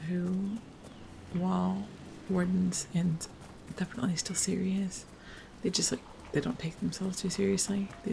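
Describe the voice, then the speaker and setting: A woman's voice: fairly low pitch, gravelly, noisy background. A young woman streamer chatting casually and reacting to a video game, giggly and emotional. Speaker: gaming streamer. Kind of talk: casual let's-play commentary.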